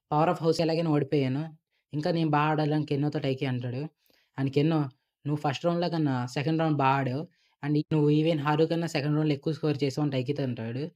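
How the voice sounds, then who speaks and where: Fast-talking young man recapping anime. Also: fairly high pitch, a little mellow. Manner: rapid retelling, reads out every character's lines. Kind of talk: casual anime episode recap.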